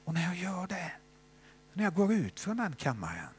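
A man's voice: sits high, wildly swooping pitch, a little hiss or hum. A man preaching a sermon as a missionary, talking to the congregation in a conversational way and checking in with frequent tag questions.

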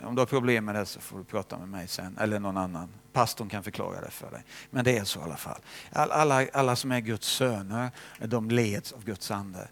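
A man's voice: on the low side, a bit bright. A man preaching a sermon as a missionary, talking to the congregation in a conversational way and checking in with frequent tag questions.

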